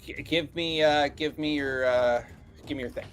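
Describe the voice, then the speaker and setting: A man's voice: on the high side, steady tone, moderate pace, fairly bright tone, faint music behind. A man narrating a tabletop game as game master, informal and freely swearing. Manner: profane, informal.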